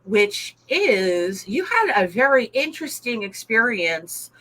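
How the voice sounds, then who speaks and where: Bright-voiced woman co-host, casual and playful, quick to laugh. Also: fairly high pitch, sing-song, poor audio. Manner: chatty, playful, laughs often. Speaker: talk show co-host. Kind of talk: casual talk show chat.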